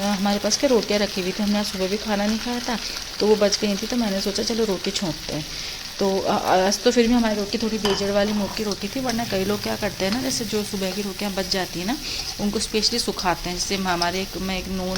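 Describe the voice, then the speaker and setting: A woman's voice: medium pitch, heavy background noise. A woman from India narrating her daily vlog in a chatty, explaining way. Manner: chatty, explaining as she goes. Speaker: vlogger.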